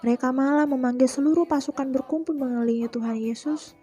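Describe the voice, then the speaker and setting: Woman, Sunday school teacher, breathy, mellow, expressive storytelling to children, faint music behind. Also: sits high, quick pace. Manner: speaks directly to children, expressive.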